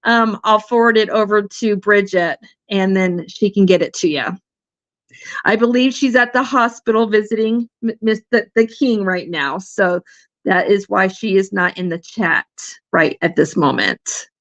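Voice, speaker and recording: Her voice wearing out, a woman chats casually on her livestream, stumbling through fillers and restarts. She speaks unhurriedly in a medium pitch with a fairly bright tone, captured in a dry recording with the highs cut off.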